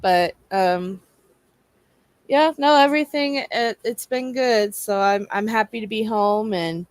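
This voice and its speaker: Young woman chatting on a livestream, lots of ums, dry close mic, middle pitch. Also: smooth, no room sound. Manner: relaxed, halting with many ums. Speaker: co-host of a live advocacy show. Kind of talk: casual chat.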